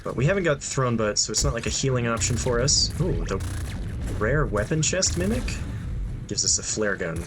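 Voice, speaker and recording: A man's voice: medium pitch, lively intonation, moderate pace, noisy background. A young man giving casual gameplay commentary, thinking aloud with frequent ums and dry asides. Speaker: gameplay streamer. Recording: game music playing underneath. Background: game music.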